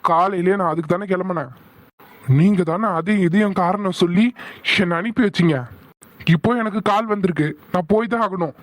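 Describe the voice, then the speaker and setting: A man voicing a stubborn young husband in an animated family drama, curt and defiant. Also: sits high, brisk, no echo, lightly acted. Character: angry young husband, stubborn office worker.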